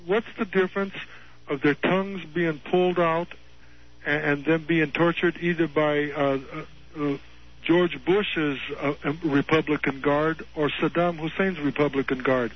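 A man's voice: on the high side, steady tone, measured pace. Sarcastic, combative male radio regular. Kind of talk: call-in radio debate. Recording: dull lo-fi radio broadcast.

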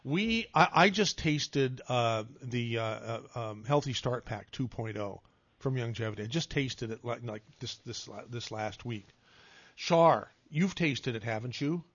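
A man who hosts a talk radio show rambles through a casual call-in chat, joking and frequently restarting his phrases. His mid-range voice is expressive, unhurried and fairly bright. He's on a studio microphone, and the sound is dull and dry with no room sound.

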